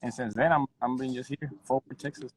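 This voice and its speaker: A Puerto Rican man in his thirties, a guest audio engineer, chats casually in an interview, relaxed and modest, with soft laughs and plenty of "you know." His pitch is medium and his pace fairly quick.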